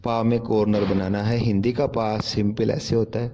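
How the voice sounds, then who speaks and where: A man teaching handwriting with slow, deliberate explanations. His voice sits low and dark. The recording is dull and lo-fi, and he calmly repeats each correction. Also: slight background noise. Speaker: Punjabi writing teacher. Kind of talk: step-by-step handwriting lesson.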